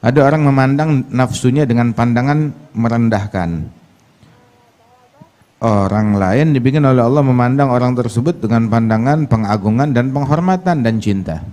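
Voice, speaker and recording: A man preaching a sermon. He talks emphatically, leaps up in pitch to mock, and slows right down to recite Arabic sayings. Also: mellow. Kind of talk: religious sermon.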